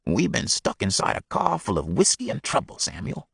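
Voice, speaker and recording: A man's voice: medium pitch, wildly swooping pitch, moderate pace, creaky, a bit bright, slightly rough, no room sound, clean studio sound, full character voice. A man voicing a fearful, wary runaway man who talks in short, clipped phrases. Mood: weary.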